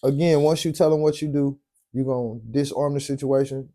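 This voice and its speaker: A man's voice: medium pitch, steady tone, fairly quick, warm tone. A man hosting a casual late-night chat, tired and rambling, often searching for words. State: tired, yawning. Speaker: podcast host.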